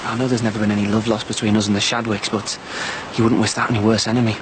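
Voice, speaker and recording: A man's voice: lowish voice, racing, natural voice. An actor playing an earnest young father in a soap opera, talking a friend out of running away. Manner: earnest, persuasive. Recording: steady background noise.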